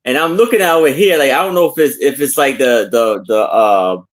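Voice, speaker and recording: A man's voice: medium pitch, fairly quick. A man chatting casually on a live stream, hesitant and often restarting his sentences.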